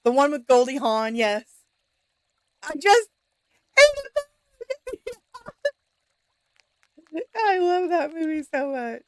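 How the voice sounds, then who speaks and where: A woman's voice: high voice, sing-song, extremely slow, long pauses, no room sound. A woman streamer chatting casually with viewers while playing a game, laughing often. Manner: chatty and giggly, answering viewers. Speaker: gaming streamer.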